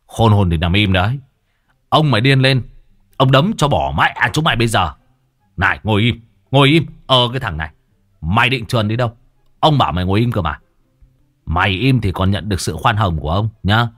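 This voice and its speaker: A man's voice: on the low side, big pitch swings, fairly quick, pauses often, a bit bright. A man voicing a crude, bullying older village strongman who threatens and mocks two young men. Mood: menacing.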